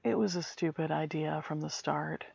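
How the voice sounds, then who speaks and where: A woman narrating a scripted scary story in a hushed, suspenseful way, full of quiet dread. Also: low-pitched, moderate pace, gravelly, slightly rough, no room sound, dull audio. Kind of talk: scripted first-person horror story narration.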